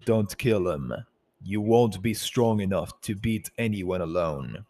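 A man's voice: sits low, animated, a little slow, dark tone, heavily acted. A man voicing a protective male creature leader in a firm, commanding way.

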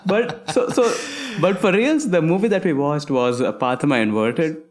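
A man's voice: a little high, moderate pace. A sleep-deprived man co-hosting a casual podcast, sarcastic and joking. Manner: sarcastic, joking, laughs a lot. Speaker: podcast co-host.

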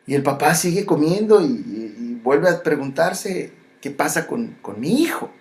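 Speaking at medium pitch and with a very animated manner, this person offers a reflective spiritual monologue. Delivery is slow, marked by repeated phrases and many pauses and restarts.

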